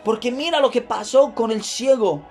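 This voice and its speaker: A man's voice: extremely high pitch, moderate pace, soft background music. A male pastor giving a devotional sermon and reading scripture, preaching fervently and repeating phrases for emphasis.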